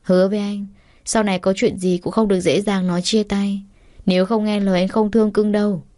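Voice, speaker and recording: A woman's voice: mid-range voice, little pitch movement, brisk, dark tone, lightly acted. A woman reader voicing a doting young man who coaxes and soothes his girlfriend as if comforting a child. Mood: soothing. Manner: coaxing, soothing like talking to a child.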